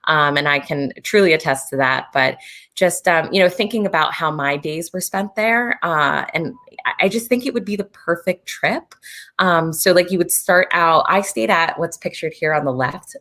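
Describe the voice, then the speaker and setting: A raspy, hoarse woman travel advisor giving a casual online presentation over a video call, chatty and full of fillers. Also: low voice, a bit bright.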